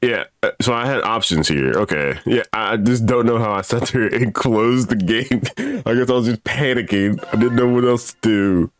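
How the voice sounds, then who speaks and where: A man's voice: fairly low pitch, moderate pace, few pauses, no echo. A young man casually playing a horror game on stream, reading its instructions aloud, swearing and laughing nervously. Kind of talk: casual let's play commentary.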